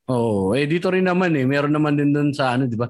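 A man's voice: on the high side, lively intonation, fast, darkish tone, dry recording. A man hosting a casual chat, asking questions and joking playfully.

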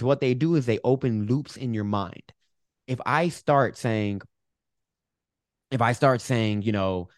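A man's voice: mid-range voice, no room sound, studio quality. A man with a lisp on his S sounds and R's that sometimes sound like W, explaining things emphatically and conversationally as an interview guest. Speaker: guest, public speaker.

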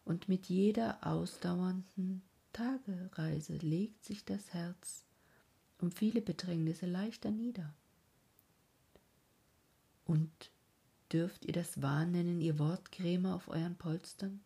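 A woman reading a story aloud as a whispered role-play, in a slow, mournful way. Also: on the low side, creaky, warm tone, breathy edge. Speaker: reader.

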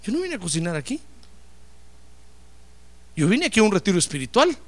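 A man's voice: high voice, huge pitch swings, brisk, exaggerated voice. A man voicing a resolute male holy man who firmly refuses temptation and declares why he came.

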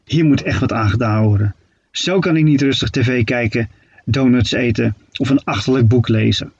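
A grumpy little neighbor man grumbling in complaint, as a storyteller puts him on. His voice sits a bit lower than the narrator's and stays husky. The recording sounds dull and muffled. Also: normal speed, darkish tone, dry recording.

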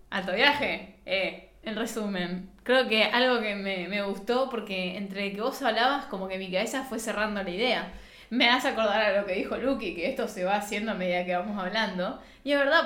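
A woman's voice: mid-range voice, a bit bright, roomy sound. A woman with a Rioplatense Spanish accent, co-hosting a podcast in casual, slangy, self-mocking chat, her voice slightly nasal. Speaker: podcast co-host.

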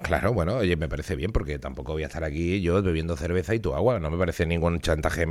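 Man, podcast co-host, deep low voice, deadpan, self-mocking, chuckles through lines. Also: quick pace. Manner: self-deprecating, deadpan, laughs while talking. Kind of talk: casual comedic chat.

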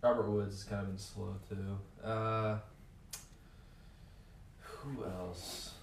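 A man on a casual podcast panel, talking haltingly as he searches for names. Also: lowish voice, fairly even intonation, gravelly, far from the mic, noisy background. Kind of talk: casual chat about fantasy football. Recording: roomy echo, a bit off mic.

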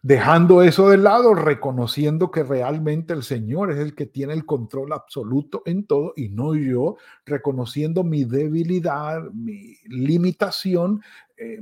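A man's voice: on the high side, measured pace, a little mellow, slightly rough. A man giving a devotional sermon as pastor, urging listeners to pray in a pleading, repetitive way.

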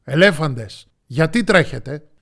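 A man's voice: creaky, a little mellow. Brief: man doing a thundering, no-nonsense storybook lion king. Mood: commanding. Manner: booming, authoritative questioning. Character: commanding male lion, king of the forest.

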